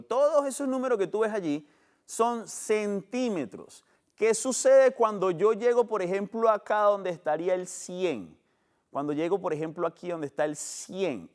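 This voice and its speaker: Animated Colombian math teacher, man. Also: high-pitched. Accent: Colombian Spanish. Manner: animated, explains step by step with demonstrations. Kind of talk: educational TV math lesson.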